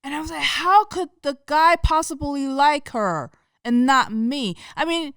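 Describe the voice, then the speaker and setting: Woman from taiwan chatting slow on a podcast, giggly storyteller, clean dry sound. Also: high voice, lively intonation, a bit bright, no room sound. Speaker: podcast co-host. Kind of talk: casual chat.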